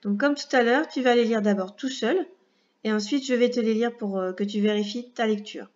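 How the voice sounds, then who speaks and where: A woman teaching a first-grade reading lesson, speaking patiently with clear articulation and talking straight to the child. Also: on the high side, moderate pace, a little mellow, lo-fi sound.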